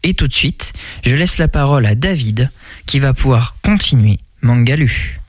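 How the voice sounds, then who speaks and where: Male radio host, mid-pitched, reading listings evenly. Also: expressive, moderate pace, dry recording. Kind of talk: reading announcements.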